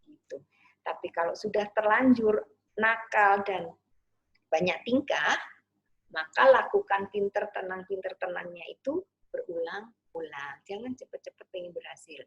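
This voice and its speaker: A woman parenting coach giving a gentle online talk, sometimes acting out soothing words to a child. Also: medium pitch, moderate pace, slightly rough, muffled recording.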